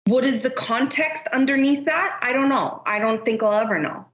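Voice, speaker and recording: A woman's voice: a little high, moderate pace, roomy sound, dull audio. A middle-aged woman, a business unit manager, speaking candidly and at length as a podcast guest. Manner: candid, talkative, many fillers like you know. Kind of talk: casual interview chat.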